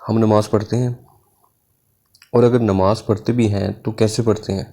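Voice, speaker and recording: A man reads a scripture commentary in an earnest, measured way, then preaches on prayer in a casual tone. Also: on the low side, steady tone, warm tone. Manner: measured, earnest reading with unhurried pauses. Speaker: religious speaker.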